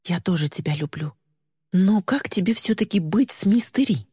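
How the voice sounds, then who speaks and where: An audiobook reader voicing an emotional, impulsive teenage girl who speaks up excitedly. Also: mid-range voice, normal speed, slightly rough, long reverb tail, pitched above the performer's own voice. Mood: excitable.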